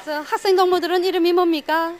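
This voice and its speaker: A woman's voice: very high-pitched, fairly even intonation, fast, a little hiss or hum. A woman with a North Korean accent reporting and interviewing formally as a field reporter.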